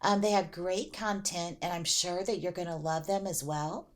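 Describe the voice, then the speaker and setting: A woman hosting a cleaning vlog, hoarse and cracky with a cold that makes her voice deeper than usual, giving an upbeat, excited intro. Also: normal speed. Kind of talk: casual chat to camera.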